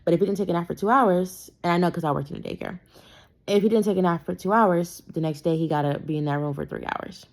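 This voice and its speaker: A woman's voice: fairly low pitch, fast. A young adult woman, a mother, telling a rambling, conversational parenting story with lots of fillers. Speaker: parenting vlogger. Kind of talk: casual storytime monologue.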